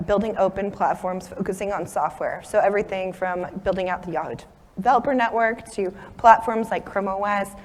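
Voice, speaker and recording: A woman with laryngitis and a shaky, hoarse voice, speaking earnestly as co-facilitator at a conference. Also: medium pitch. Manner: earnest, apologetic. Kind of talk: conference talk. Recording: long hall reverb.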